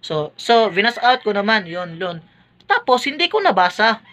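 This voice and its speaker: A man's voice: high voice, big pitch swings, normal speed, sharp tone. A man vlogging, casually recounting a phone call to his viewers in a chatty, hesitant way. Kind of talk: casual storytelling to camera.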